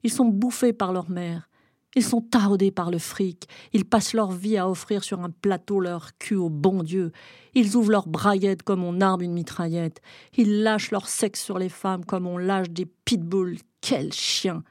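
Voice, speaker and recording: A woman reading a novel excerpt aloud in a dramatic, intense way, rising to loud shouting in the heated passages. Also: medium pitch, fairly even intonation, unhurried, no echo. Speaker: reader.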